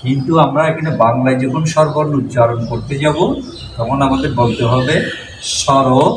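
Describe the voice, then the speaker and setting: A man's voice: medium pitch, steady tone, fairly quick. A man, a Buddhist monk, teaching a class how to pronounce letters, patiently repeating each sound and quizzing his students. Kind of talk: classroom pronunciation lesson. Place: classroom with a board. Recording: echoey room, distant mic, noise.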